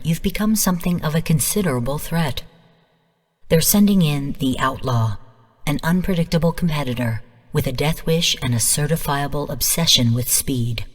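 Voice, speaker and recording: An actress with a very deep, slightly mellow voice and a breathy edge portrays a cool, composed AI guiding video game missions through formal, measured briefings. Heavily acted, with a big-room sound, her delivery feels grave and urgent.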